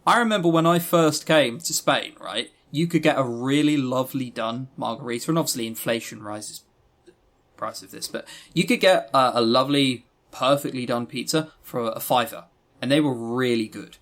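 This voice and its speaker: A man co-hosts a podcast reviewing visual novels, speaking at medium pitch and normal speed in a fairly bright tone. His chat is casual and opinionated, full of sarcastic, joking exasperation.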